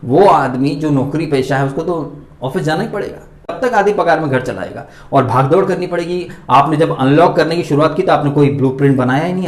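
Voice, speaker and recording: A man delivering opinionated political commentary for his channel, indignant and full of rhetorical questions. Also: a little high. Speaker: vlog host and political commentator. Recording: roomy echoey room.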